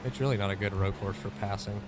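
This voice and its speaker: A man's voice: on the low side, fairly even intonation, fast. A man chatting casually while sim racing, bluntly thinking aloud about his driving with the odd mild swear. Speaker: sim racing driver and streamer. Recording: clear engine noise behind voice. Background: car engine noise.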